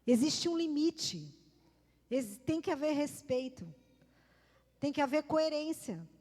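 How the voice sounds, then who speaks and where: Her voice high, sing-song, a little slow and somewhat dark, a middle-aged female pastor preaches forcefully in church, stressing key words through repetition and appealing to the congregation. The sermon rings with the long reverberation of a church hall.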